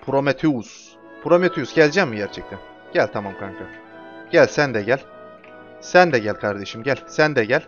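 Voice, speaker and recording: A man giving casual gameplay commentary, taunting his enemies and calling them over excitedly. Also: mid-range voice. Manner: trash-talks enemies, excitable, calls them over with repeated shouts. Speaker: gamer streaming his play. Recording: dull lo-fi mic with music behind.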